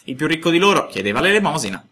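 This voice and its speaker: Storybook role: man doing a fussy old carpenter father, high-pitched, easily offended. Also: sing-song, very fast, pushed and bright. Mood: musing. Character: touchy old male woodcarver, fatherly and peevish. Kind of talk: audiobook character voice.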